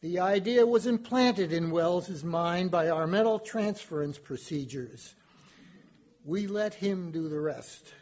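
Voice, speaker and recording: High slow-talking martian envoy guy, stiff and formal, audio drama on a dull lo-fi recording, a man doing the voice. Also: darkish tone. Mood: solemn. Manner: slow, measured, formal speech. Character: stately male Martian ambassador, formal and aloof.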